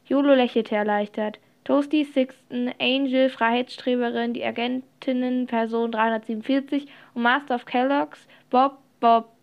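A woman narrating a storybook chapter aloud, reading lively with occasional slips and restarts. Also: a little high, normal speed, creaky, hardly any pauses, muffled recording. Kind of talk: audiobook reading.

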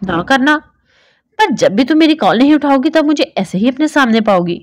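Confident teasing young man , read by a woman, highish dry voice, storybook. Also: moderate pace, no echo. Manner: calm and teasing.

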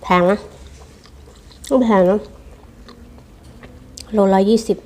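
A woman's voice: medium pitch, flat delivery, takes it slowly, darkish tone. A woman doing a casual mukbang eating show, chatting to viewers between bites with chewing and savouring hums.

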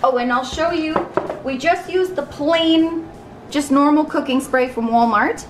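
A woman's voice: sits high, unhurried, noisy background. A woman in her thirties, from Canada, chatting step by step through a meal prep in her home kitchen. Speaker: vlogger. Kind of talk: casual cooking vlog.

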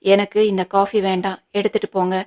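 A woman's voice: mid-range voice, completely flat delivery, a little fast, darkish tone, natural voice. A woman reading the part of an angry, stubborn young wife in a storybook, speaking sharply and indignantly.

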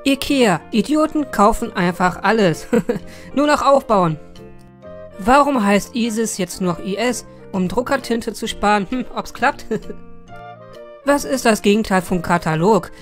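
A woman's voice: mid-range voice, expressive, unhurried, faint music behind. A woman hosting a joke channel, reading viewer jokes aloud and giggling after the punchlines with amused little asides.

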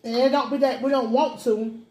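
A woman's voice: on the high side, fairly even intonation, a little fast, a little mellow, echoey room. A woman hosting a mukbang, chatting straight to her viewers while eating, talking with her mouth partly full. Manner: chatty, addresses viewers directly. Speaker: mukbang host.

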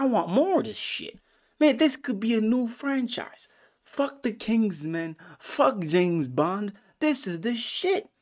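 A man giving a casual, excitable movie review, full of profanity and swinging between loud outbursts and hushed whispers. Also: high-pitched.

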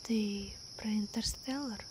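A woman in an ASMR role-play as a gentle, wonder-struck girlfriend stargazing at night, soft-spoken softly right into the listener's ear. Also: mid-range voice, slow pace, close to an everyday voice. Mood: hushed wonder. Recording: night crickets, insects and clear ambient noise. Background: crickets and night insects.

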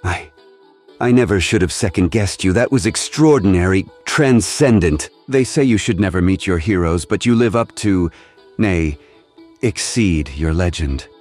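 Man playing a low, refined fawning sidekick. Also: lively intonation, normal speed, a little mellow, soft background music. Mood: reverent. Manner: florid, reverent. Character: fawning, refined male villain's admiring sidekick. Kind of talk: comic dub voice acting.

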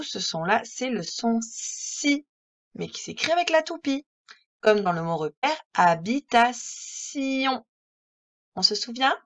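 A woman teacher walks young children through a reading lesson, speaking gently and encouragingly. She talks slowly and stretches words out syllable by syllable. Her voice sits a little high. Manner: slow, deliberate syllable-by-syllable pronunciation. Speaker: primary school teacher.

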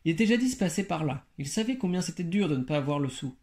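Gravelly man reading a fairy tale. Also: fairly high pitch, animated, fast, a little mellow. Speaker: reader.

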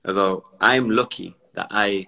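His voice is fairly low, gravelly, and pushed and bright, holding a steady tone at a slightly slow pace. The speaker, an entrepreneur and commentator from Barbados raised in the UK, is on a casual live-stream via phone from home. He lectures emphatically and at length, putting on voices for the people he quotes.

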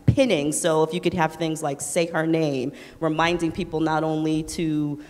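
A woman's voice: low-pitched, flat delivery, moderate pace, darkish tone. A woman activist on a panel, speaking earnestly and searching for her words. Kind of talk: panel discussion. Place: museum event hall. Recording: long reverb of a large hall.

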